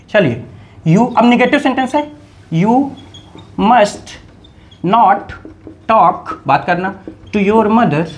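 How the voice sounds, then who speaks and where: A man teaching a video lesson, explaining grammar in an animated way and playfully scolding his students in jest. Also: very high voice. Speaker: English teacher.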